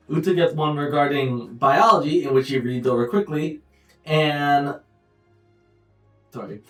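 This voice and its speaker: Young man game master, roomy distant mic. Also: fairly high pitch. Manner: loose, rambling, with frequent "um"s and self-corrections. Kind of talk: casual recap and scene-setting for a tabletop game. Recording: roomy echo, distant mic, faint music behind.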